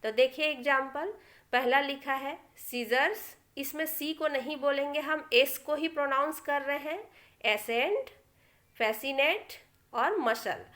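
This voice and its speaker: A woman teacher with an Indian accent explains pronunciation rules to her students. Her voice sits high and her pace is slow and deliberate, and she spells out each rule with patient care. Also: a bit bright. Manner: slow, explanatory, addresses students as children, reads rules aloud very slowly. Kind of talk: English pronunciation lesson explained in Hindi.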